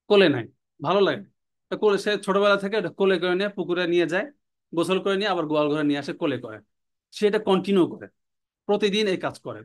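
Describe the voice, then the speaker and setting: A man teaching an online language class, repeating words and their meanings in a slow, drilling way. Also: high-pitched.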